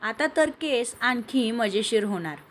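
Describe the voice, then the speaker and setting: A woman's voice: on the high side, expressive, unhurried, a little hiss or hum. A woman playing a wisecracking young male colleague. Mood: joking.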